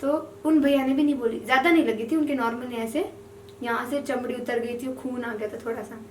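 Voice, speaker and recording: A woman's voice: a little high, fairly even intonation, brisk, a little mellow, slight background noise. A young woman, a podcast guest, telling childhood stories casually and laughing often. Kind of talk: casual storytelling. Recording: echoey room, mic at a distance.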